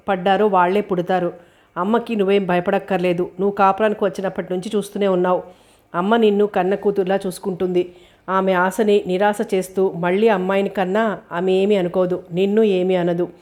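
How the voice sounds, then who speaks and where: A woman voicing a young husband who reassures his wife quickly and calmly. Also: mid-range voice, close to an everyday voice. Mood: reassuring.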